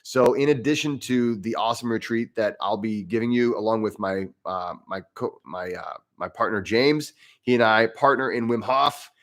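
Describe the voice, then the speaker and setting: A man's voice: fairly low pitch, moderate pace, a bit bright. An American man hosting a casual, unscripted livestream in an informal, rambling way, often hesitating and repeating phrases. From United States. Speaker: livestream host, breathwork instructor and English professor.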